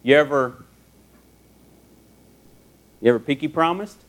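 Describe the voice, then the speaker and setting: A man's voice: fairly high pitch, measured pace. Man giving a chatty, jokey Bible talk. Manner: conversational, jokey, acts out quoted voices. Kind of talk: casual sermon to students.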